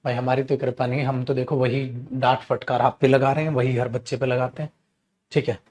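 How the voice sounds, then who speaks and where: A man teaching an exam-prep English class while running a fever, animated and addressing students as son and brother. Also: medium pitch, brisk. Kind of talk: classroom lecture.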